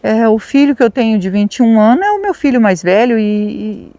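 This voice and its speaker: A woman's voice: on the high side, expressive, normal speed, mellow, no echo. Woman retelling a desperate farmer father. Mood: pleading. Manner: pleading.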